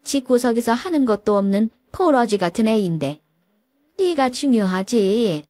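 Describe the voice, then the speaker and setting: A woman's voice: a little high, expressive, normal speed, dark tone, no echo, clean studio sound. A woman voicing a scheming older mother-in-law who wails and pleads melodramatically in a storybook tale. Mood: wailing pleading. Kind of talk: storybook role-play.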